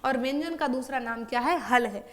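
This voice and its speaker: A young woman teacher with a high, light voice. She explains a grammar lesson step by step in a classroom way. She keeps asking a question and then answers it herself. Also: normal speed, a bit bright. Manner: asks and answers her own questions.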